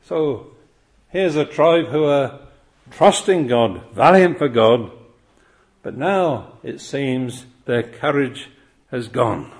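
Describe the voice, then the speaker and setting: A man's voice: mid-range voice, slow pace. Male preacher, earnest expository sermon, rhetorical questions, mid-range voice.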